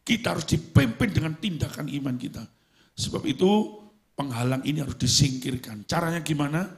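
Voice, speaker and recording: A man preaching a sermon as pastor, with an East Javanese Indonesian accent, animated and often breaking into high-pitched acted prayers. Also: creaky.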